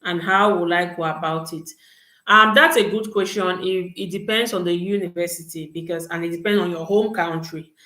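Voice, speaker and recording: This host is a young woman from Cameroon fielding study-abroad questions in a live Q&A chat, peppering her advice with "okay" and "all right." She speaks at a moderate pace in a fairly low, steady voice that sounds pushed and bright, with echo around her.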